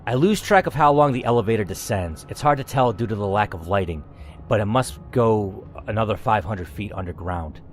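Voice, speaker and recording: Speaking a bit quickly in a fairly low voice, a man reads a scripted story with theatrical drama, narrating as a gaming host. He delivers it expressively and throws in asides.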